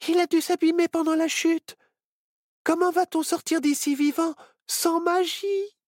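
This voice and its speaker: A woman voicing a confident, bubbly young girl witch in a storybook, with a lively, boastful manner. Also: extremely high pitch, measured pace, dry recording, clean studio sound, voice pushed up.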